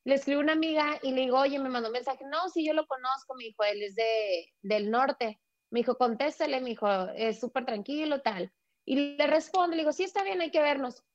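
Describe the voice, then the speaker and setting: A woman, a sports journalist, telling her story in a lively way over a remote call and acting out the people she quotes. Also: high-pitched, fairly quick. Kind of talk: animated storytelling in a casual interview. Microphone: remote video call. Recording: dull lo-fi call audio.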